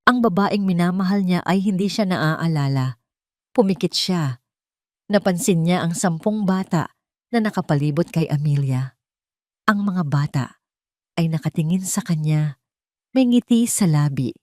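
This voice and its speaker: A Filipino-accented woman storyteller narrates a scripted audio romance in a solemn, melodramatic way, her lowish, slightly mellow voice animated yet measured, with long pauses. The recording is dry and of studio quality.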